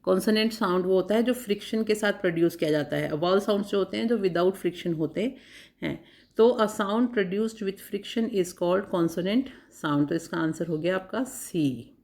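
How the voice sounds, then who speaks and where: A woman teacher giving an exam-prep lesson. She sounds out words one by one, repeats them, and reads questions out very slowly. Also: mid-range voice, a little mellow.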